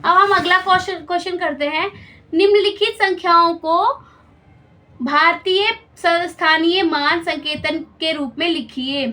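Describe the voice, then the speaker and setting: Bright high-voiced woman teaching maths. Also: steady tone, a little slow. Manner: patient, explains each step and checks with questions. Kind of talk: step-by-step maths lesson.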